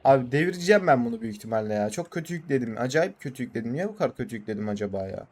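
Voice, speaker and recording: A young Turkish man commenting on his farming game in a casual, excitable way, swearing and urging his tractor on. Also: mid-range voice, very fast. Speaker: gaming channel host.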